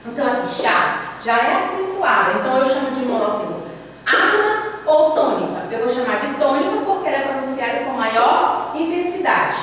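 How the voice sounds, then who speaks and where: High-voiced Brazilian woman teaching from afar. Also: expressive, brisk, fairly bright tone. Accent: Brazilian Portuguese. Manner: explanatory, repeats and counts out examples. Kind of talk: classroom grammar lesson. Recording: echoey hall, voice from far off, faint hum.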